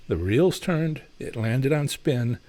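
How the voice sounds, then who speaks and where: A man hosting a live Q&A takes his time, his medium-pitched, slightly mellow voice carrying lively intonation with no room sound. He answers viewers casually, with many fillers and restarts, explaining and advising as he goes.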